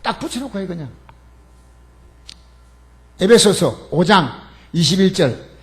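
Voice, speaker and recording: High-pitched, lively older Korean pastor preaching. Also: male voice, a little slow. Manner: animated preaching with humorous asides; emphatic, calls out to the congregation. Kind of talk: sermon. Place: church sanctuary.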